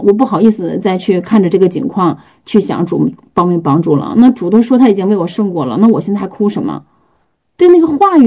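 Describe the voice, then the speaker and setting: A woman's voice: medium pitch, dark tone. A woman preaching in a casual, conversational way, acting out little scenes and prayers as she teaches. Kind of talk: informal sermon. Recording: dull lo-fi recording.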